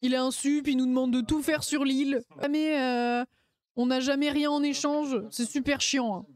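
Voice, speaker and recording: A woman's voice: high-pitched, a little mellow, no echo. A woman streamer chatting casually and playfully, laughing often and using lots of slang. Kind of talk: casual live-stream chat.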